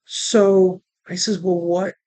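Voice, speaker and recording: A woman vlogger telling her personal story to camera, halting, with restarts, and retelling conversations line by line. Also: on the low side, flat delivery, dark tone, no room sound. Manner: retells conversations with "she goes" and "I'm like".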